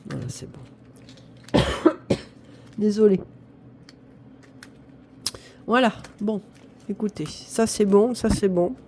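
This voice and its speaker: Casual fifties woman from northern France, talks to viewers and herself while counting money; soft, dark tone, slight background hiss. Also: mid-range voice, slow, pauses often. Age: 50s. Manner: chatty, talks to herself and viewers, counts aloud, self-mocking. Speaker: budget vlogger. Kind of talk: casual talk to camera while doing budget envelopes.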